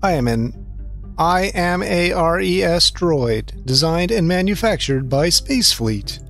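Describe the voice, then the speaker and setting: A man voicing a stiff male service droid that explains its functions slowly. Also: high-pitched, lively intonation, vocal fry, a bit bright, faint music behind, heavily acted. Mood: matter-of-fact.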